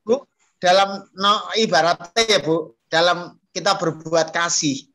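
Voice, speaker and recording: A man's voice: high-pitched, steady tone, unhurried, fairly bright tone. A man, a pastor, in an earnest, coaxing Bible study talk that rises emphatically on key points. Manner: earnest, coaxing, often tags his points with a friendly address.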